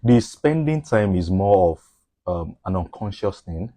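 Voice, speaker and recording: Male doctor guest on a radio talk show, very low voice, reflective and deliberate, dry close sound. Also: lively intonation, warm tone, no room sound.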